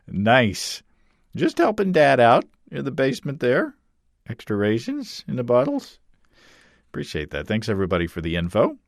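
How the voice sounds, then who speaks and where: A man's voice: on the low side, no room sound, studio quality. A man hosting a podcast, reading listener notes aloud in an easygoing, chatty way. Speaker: podcast host.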